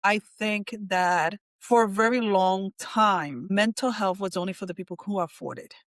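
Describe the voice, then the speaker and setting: Speaking as an interview guest, a counseling center chief executive answers candidly and conversationally; she's middle-aged, from Puerto Rico, and grew up in New Jersey. Her medium-pitched voice moves at a normal speed, captured in clean studio sound without echo.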